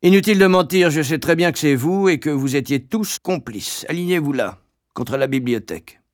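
A man's voice: fairly high pitch, animated, moderate pace, no echo, clean studio sound, voice pushed up, close to an everyday voice. A man reading a storybook and voicing a stern, domineering headmaster who gives curt orders. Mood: curt commanding. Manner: curt, commanding.

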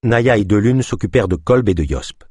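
A man's voice: fairly low pitch, expressive, a little fast, darkish tone, slightly rough, no echo, clean studio sound. A man narrating an adventure story as an audiobook, reading expressively.

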